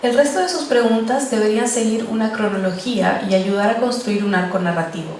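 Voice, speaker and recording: A woman giving a talk on podcast journalism, explaining interview technique in a clear, steady way. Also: fairly high pitch, fairly quick. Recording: roomy echo, distant mic, faint noise.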